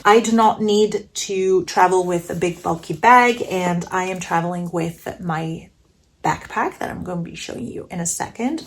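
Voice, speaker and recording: A woman narrating a casual packing vlog in a chatty, enthusiastic way, with playful self-aware humor. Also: lowish voice. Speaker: vlogger.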